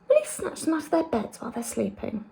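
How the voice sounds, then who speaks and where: A woman's voice: on the high side, huge pitch swings, quick pace, creaky, dark tone, husky, exaggerated voice. A woman voicing a brave young orphan girl who pleads and argues with indignation. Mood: pleading.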